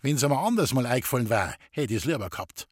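A gruff old forester, as a storyteller puts him on, husky and brusque, his pitch jumping about as he grumbles and questions. The recording is dry and close. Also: big pitch swings, fast talker, no echo. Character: gruff older Bavarian forester, father.

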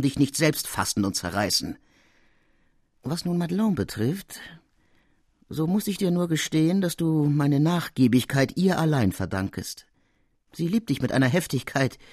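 Man voicing a menacing old goldsmith, husky. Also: a little high, a little mellow, voice pushed up. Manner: coaxing, then threatening. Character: cunning menacing older male goldsmith.

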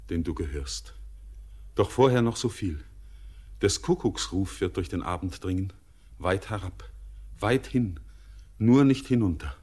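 In a classic radio play, a male actor with a low-pitched voice plays a restless young miner. He speaks in a brooding, hushed way.

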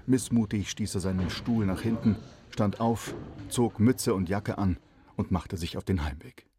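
A man narrating a children's story in an expressive, animated way. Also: on the low side, unhurried, noisy background.

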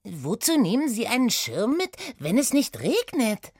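A woman's voice: a little high, huge pitch swings, unhurried, darkish tone, breathy edge, no echo, clean studio sound, voice pushed up, exaggerated voice. A woman voicing an eager young assistant detective who talks in a chirpy, keen way.

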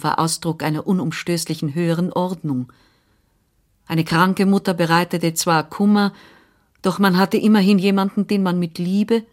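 Low-voiced woman reading a memoir. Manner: measured, expressive first-person narration. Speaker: audiobook reader.

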